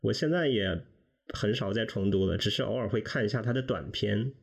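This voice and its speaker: A man in a podcast book discussion, speaking in a measured, reflective way. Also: lowish voice, creaky, husky. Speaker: podcast guest, reader. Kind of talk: casual discussion.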